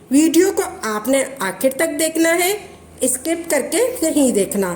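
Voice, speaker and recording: High-pitched lady, slow and patient, repeats every step, echoey room with a bit of hum behind. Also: a little mellow. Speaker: religious instructor. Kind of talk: step-by-step instructions for a devotional practice.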